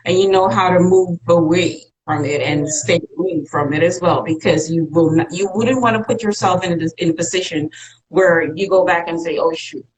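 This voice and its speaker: A woman in her forties speaks English with a Dutch accent, her first language being Dutch. Her voice sits a little low, and she talks in a frank, unhurried, reflective way. She is chatting casually as a guest. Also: a little mellow, low-quality recording. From Suriname. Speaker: guest entrepreneur. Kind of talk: casual interview chat.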